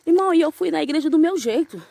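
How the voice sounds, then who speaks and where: A woman's voice: sits high, lively intonation, fast talker, creaky, mellow, dry recording. A young woman giving a fervent evangelical testimony, telling her story and calling the listener "brother". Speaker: church member giving a testimony.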